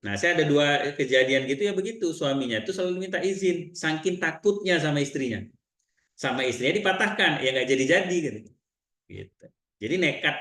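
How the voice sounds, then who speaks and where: A man's voice: on the high side, echoey room. Indonesian man giving a seminar. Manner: lively storytelling, quoting clients in dialogue. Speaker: seminar trainer. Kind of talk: seminar talk.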